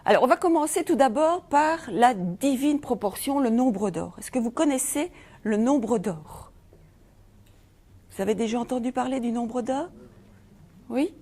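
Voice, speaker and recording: With a warm, animated, unhurried delivery in a highish voice, a middle-aged Belgian woman talks about feng shui at a conference. She speaks with a Belgian French accent and puts rhetorical questions to the room.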